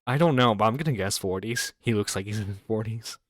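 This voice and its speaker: A man's voice: lowish voice, fast talker, no room sound, clean studio sound. A man in his twenties hosting a casual internet radio stream, rambling and joking. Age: 20s. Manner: rambling, joking, mocking impressions.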